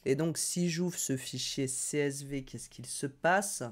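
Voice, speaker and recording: A woman's voice: deep voice, slow pace. A woman hosting a casual screen-share tutorial on a no-code tool, chatty and upbeat with frequent hesitations.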